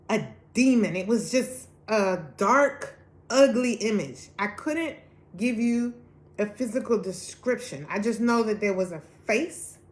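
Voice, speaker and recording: An earnest woman recounts her personal testimony with animated storytelling. She speaks at a middle pitch, slipping into acted-out quotes along the way. The room around her carries a noticeable echo. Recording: echoey room.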